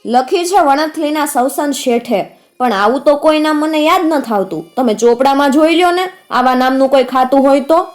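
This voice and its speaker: A woman voicing a calm, wise old merchant who speaks in a cool, measured way. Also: high voice, soft background music, pitched above the performer's own voice, lightly acted.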